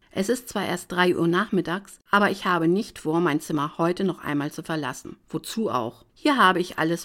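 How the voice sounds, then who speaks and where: A woman reading a novel aloud in the first person, with a lively, dramatic and sarcastic delivery. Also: lowish voice. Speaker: audiobook reader.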